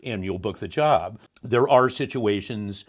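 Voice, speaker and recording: Animated middle-aged male voice actor. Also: lowish voice, a little slow. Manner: animated, acts out quotes in put-on voices, laughs often. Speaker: voice actor guest. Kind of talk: relaxed interview storytelling.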